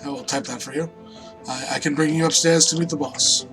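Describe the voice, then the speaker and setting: A man's voice: fairly high pitch, fairly even intonation, fairly quick, over music, lightly acted. A man voicing a male tiefling arena attendant in a tabletop game, speaking in a dry, matter-of-fact manner. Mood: dry, courteous.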